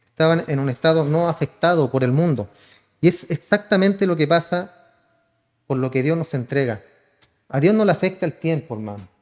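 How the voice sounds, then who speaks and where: Preaching in a church hall with noticeable reverb, a pastor from Chile keeps calling his listeners "hermano" and responds to the questions he poses himself. His voice has a fairly high pitch and a slightly mellow quality.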